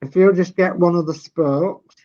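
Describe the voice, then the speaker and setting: An older man with a Yorkshire accent talks very slowly and patiently, reading out build instructions one step at a time. His voice sits a little high. The video call audio is dull and lo-fi. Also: dark tone. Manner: slow, patient, reads instructions aloud step by step. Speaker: model-building guide.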